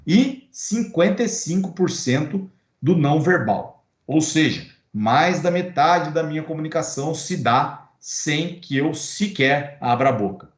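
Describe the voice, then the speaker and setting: A man's voice: on the high side, animated, measured pace. A man with a Brazilian Portuguese accent giving an online lecture as course instructor, conversational with many fillers and checking tags. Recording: roomy, dull recording.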